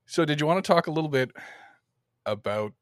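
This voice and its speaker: A man hosting a podcast in casual chat, laughing often and talking in an animated way. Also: on the high side, fairly quick, no echo, studio quality. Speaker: podcast host.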